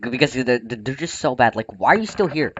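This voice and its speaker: A man's voice: medium pitch, expressive, a little fast, slightly rough, highs cut off. A man with the hiccups, chatting casually over gameplay, with a bit of playful trash talk. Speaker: gaming channel host. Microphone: close desk microphone.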